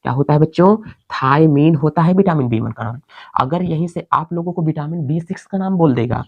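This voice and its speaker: A man teaching an exam-prep lesson, his voice a touch higher than most and heard close and dry, with a slightly dull, lo-fi sound. He explains step by step, keeps asking the class a question and then answers it himself. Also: brisk, no room sound.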